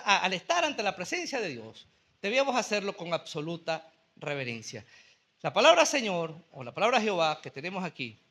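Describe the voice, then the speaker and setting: A man pastor preaching a sermon in a church, earnestly slowing down on key phrases for emphasis. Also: very high voice, bright, forceful tone. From Venezuela.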